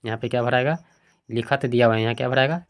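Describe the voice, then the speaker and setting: A man teaching from a textbook in an ordinary middle-pitched voice. He asks a question and answers it himself at once, then works through the word forms aloud one after another. Crickets chirp in the background. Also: fairly even intonation, fast talker, clean tone. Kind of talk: explaining a textbook lesson.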